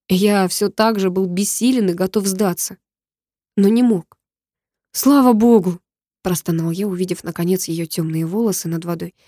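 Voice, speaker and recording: A woman reads a dramatic first-person story in a warm, mellow voice, and the tension carries through her narration. The recording is dry and close, with no room sound. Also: fairly low pitch, dry recording. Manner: tense, emotional storytelling. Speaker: audiobook narrator.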